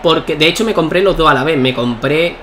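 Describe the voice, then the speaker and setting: A young man giving excitable live commentary while playing a tennis video game, shouting at key points. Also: on the high side, brisk, slight background noise. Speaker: gaming YouTuber.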